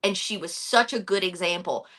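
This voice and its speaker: A woman in a casual interview chat, telling stories in an animated way and acting out quotes. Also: fairly low pitch, moderate pace. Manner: animated storyteller, acts out quotes. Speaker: wrestling announcer, interview guest.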